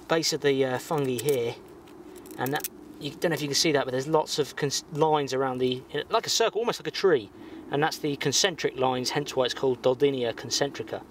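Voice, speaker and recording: A young man calmly explaining bushcraft fire lighting step by step while he works, recorded outdoors at a woodland camp on a nearby camera mic. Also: medium pitch, a little hiss or hum. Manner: explains steps calmly while working with his hands, pauses to blow on embers. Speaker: bushcraft host. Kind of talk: instructional outdoor vlog.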